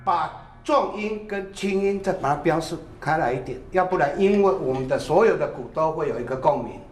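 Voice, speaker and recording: A man's voice: fairly high pitch, lively intonation, brisk, echoey room, music in the background. A man teaching a drum class who calls out counts and short cues between demonstrations.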